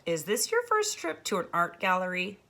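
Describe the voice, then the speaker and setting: A woman voicing a cheerful young woman teacher who talks in a lively, gently teasing way. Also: lowish voice, normal speed, creaky, full character voice. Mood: breezy.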